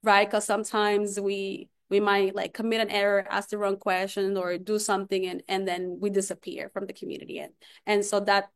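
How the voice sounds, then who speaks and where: A woman's voice: medium pitch, level tone, moderate pace, clean tone. A woman from Puerto Rico speaking on a panel as a community researcher, earnest, with frequent restarts and fillers. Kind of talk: panel discussion.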